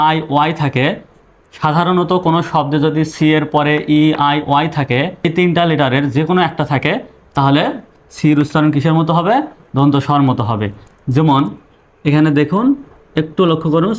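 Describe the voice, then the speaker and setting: A man gives an online video lesson on English pronunciation. His voice sits a little high. He talks patiently and repeats himself, posing questions and answering them himself. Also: normal speed. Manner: patient, repetitive, asks and answers own questions.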